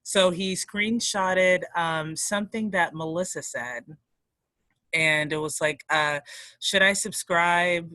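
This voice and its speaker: A woman's voice: deep voice, takes it slowly, bright, forceful tone, dry recording, rough recording. A woman co-hosting a podcast in casual chat, rambling and swearing as she jokes. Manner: rambling, profane, joking. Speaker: podcast co-host.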